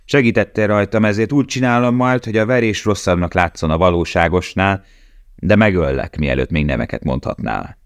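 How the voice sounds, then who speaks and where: A man voicing a grim, giant male prisoner forced into brutal work, speaking with loud, tense insistence. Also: sits low, clear, resonant tone, dry recording, clean studio sound.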